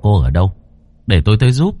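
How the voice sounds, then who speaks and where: A man's voice: on the low side, sing-song, quick pace, warm tone. A man voicing a polite young village man who offers help, speaking plainly with hesitant fillers.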